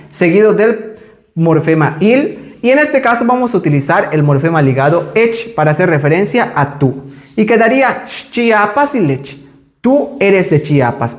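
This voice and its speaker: A man teaching a language lesson, speaking slowly and carefully when he pronounces each example. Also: high-pitched. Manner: slow, careful pronunciation of examples. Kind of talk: scripted lesson.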